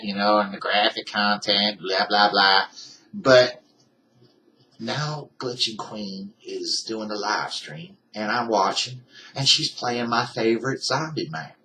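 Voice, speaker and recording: Bright-voiced indignant man. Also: lowish voice, low-quality recording. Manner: heated, indignant, folksy. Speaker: YouTuber. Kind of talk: ranting vlog.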